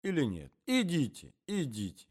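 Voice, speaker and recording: Man doing a shrill, flustered young wife. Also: wildly swooping pitch, normal speed, a little mellow. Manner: shrill, anxious exclamations.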